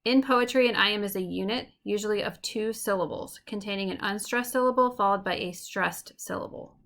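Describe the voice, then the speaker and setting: Bright, slightly gravelly woman teacher. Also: medium pitch. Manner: clear explanatory delivery, slows to tap out rhythms. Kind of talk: recorded online lesson.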